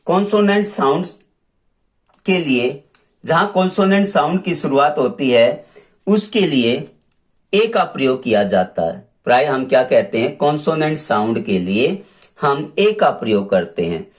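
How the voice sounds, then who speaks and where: A man teaching English grammar, who slowly repeats examples and sounds out each letter. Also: on the high side, sing-song. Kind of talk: classroom lesson explaining articles.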